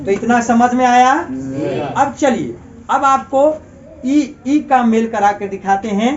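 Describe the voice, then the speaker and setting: A man's voice: very high-pitched, slow, dull audio. A male teacher giving a grammar lesson to a class. He keeps asking questions and repeating the answers as drills.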